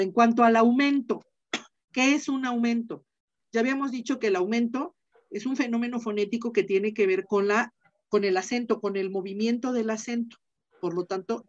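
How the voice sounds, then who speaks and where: Woman teacher, patient step-by-step explainer who repeats key points; slightly high voice, dull lo-fi call audio. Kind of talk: online class lecture.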